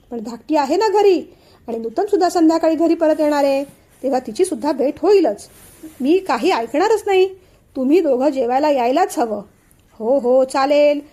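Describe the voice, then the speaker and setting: A woman's voice: high voice, normal speed, dark tone, close to an everyday voice. A woman voicing a cheerful older father who insists on inviting guests, read in a storybook telling. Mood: hearty. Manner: hearty, insistent host.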